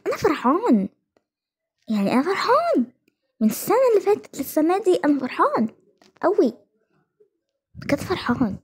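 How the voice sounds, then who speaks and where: A woman's voice: very high-pitched, sing-song, brisk, pauses often, pitched above the performer's own voice. A woman voicing a proud grown man, a businessman, with an Egyptian accent who keeps repeating how happy he is. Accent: Egyptian Arabic. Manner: boastful and repetitive.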